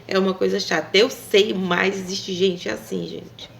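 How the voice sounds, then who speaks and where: A woman's voice: medium pitch, steady tone, unhurried, vocal fry, a little hiss or hum. A woman talking casually to camera, rambling and hesitant, with many fillers and tag questions. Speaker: vlogger.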